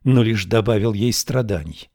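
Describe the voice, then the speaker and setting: A grieving, defiant young woman speaks plainly and earnestly, read by a man with a fairly low voice who barely changes it. The read is close and dry, like a studio booth. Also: normal speed, a little mellow, no echo, lightly acted. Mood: pleading. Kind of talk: audiobook character voice.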